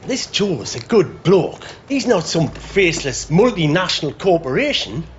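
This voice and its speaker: An earnest, uneasy builder. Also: male voice, on the high side, big pitch swings, unhurried, muffled recording, slight background noise. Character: decent, worried working-class builder.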